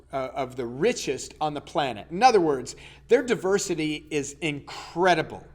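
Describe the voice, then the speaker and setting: A man, teaching a casual health lesson as a coach and putting questions to his listeners. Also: fairly high pitch. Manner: chatty, asks the listener questions.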